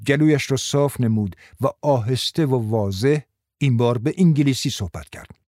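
A man reading a novel aloud in a measured, even way. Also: mid-range voice, no echo, clean studio sound. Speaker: narrator. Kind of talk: audiobook narration.

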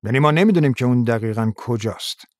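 Man as a wry private eye, brisk, curt, middle pitch, dry recording. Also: lively intonation, a little mellow, no echo, lightly acted.

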